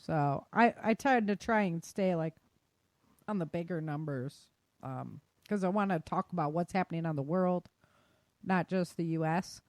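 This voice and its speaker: This podcast host is an American woman with a lowish, darkish voice, speaking at a normal speed with no echo. She talks over the news off the cuff, informal and chatty, often poking fun at herself.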